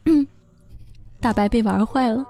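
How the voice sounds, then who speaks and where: A woman's voice: a little high, measured pace, background noise. A woman hosting a live-streamed party game in casual talk, playful and often laughing. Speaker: livestream host. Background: background music.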